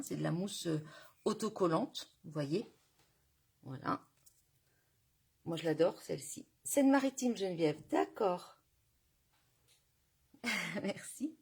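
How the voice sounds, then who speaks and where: A woman hosting a live crafting demonstration, chatting to viewers and often dropping to soft murmurs as she works. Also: lowish voice, creaky, slightly rough. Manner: chatty, addresses viewers directly.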